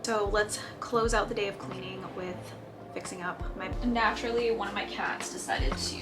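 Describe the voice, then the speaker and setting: A woman's voice: medium pitch, fairly even intonation, moderate pace, over music. A woman in her thirties talking candidly about home cleaning in a casual vlog voice-over, a little weary.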